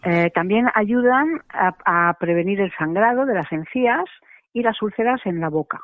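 A woman's voice: medium pitch, lively intonation, normal speed, dry recording. A woman, a macrobiotic cooking guest on a radio interview, chatty and explanatory, with many tag questions. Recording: dry, tinny phone line.

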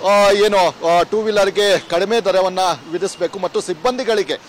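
Man, field reporter, high voice, halting, street noise faint. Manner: halting, many fillers. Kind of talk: live news report. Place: roadside outdoors by a mall. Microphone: handheld.

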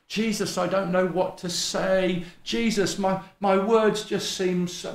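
Speaking into a stand mic at the lectern of a small church hall, this middle-aged preacher has a high, creaky voice and an East Midlands accent touched by Welsh. His sermon is lively and chatty, self-mocking, full of acted-out voices of other people, and a camera records it from the far side of the room.

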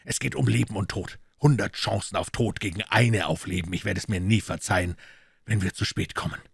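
A man reading an audiobook, voicing an urgent, commanding detective with a brisk delivery. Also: lowish voice, vocal fry, breathy edge, no echo, clean studio sound, exaggerated voice. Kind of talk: audiobook character voice.

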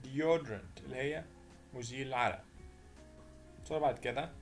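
A man with an Egyptian Arabic accent teaching English vocabulary. He says each word slowly several times, then gives its meaning. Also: mid-range voice, soft background music. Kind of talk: vocabulary lesson voice-over.

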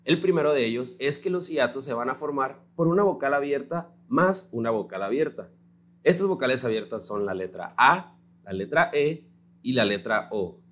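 A male teacher with a Mexican Spanish accent gives a recorded grammar lesson, slow and patient, spelling out words syllable by syllable. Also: medium pitch.

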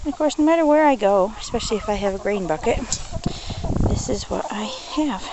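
A woman's voice: mid-range voice, lively intonation, fairly quick, heavy background noise. A middle-aged woman chatting casually as she walks and films a tour of her farm outdoors, talking to her animals now and then. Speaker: homesteader giving a farm tour. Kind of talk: casual walking vlog narration. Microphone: handheld camera, filming while walking. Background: goats bleating, chickens.

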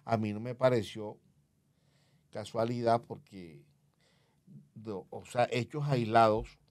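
A man's voice: mid-range voice, slow pace, a little mellow. A man telling his personal testimony as an interview guest, vividly acting out remembered dialogue. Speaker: guest sharing his life story.

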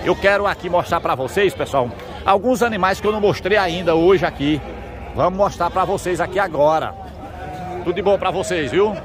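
A man with a high voice hosts a video as a market reporter, walking through an outdoor livestock market and interviewing traders on the spot. Talking a little fast, he greets everyone in an upbeat, repetitive way while the noisy crowd chatters around him.

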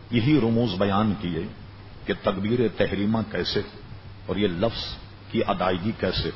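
Male scholar, lower voice, lecture delivery with drawn-out demonstrations; muffled old recording, light background hiss. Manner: demonstrates pronunciation by drawing out words. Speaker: Islamic scholar. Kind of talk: religious lecture. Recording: dull lo-fi recording with faint noise.

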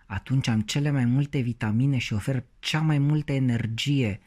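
A man's voice: medium pitch, darkish tone, close to an everyday voice. A man voicing a proud, touchy female cauliflower who scolds in a haughty tone.

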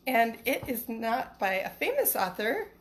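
An unhurried, slightly high voice with a fairly bright tone and big pitch swings comes from a middle-aged teacher at storytime. She's chatting casually and reading a picture book aloud to children over a livestream from her small living room. The phone is held at arm's length, and some background noise comes through.

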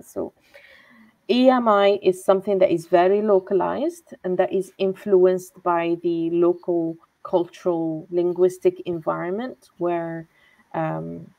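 A woman with an Algerian accent speaks in a somewhat low voice with a gravelly edge. She gives earnest, measured explanations as a course lecturer. The audio is dry, dull and lo-fi, as on a video call. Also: fairly even intonation, dark tone, no room sound. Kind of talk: online interview.

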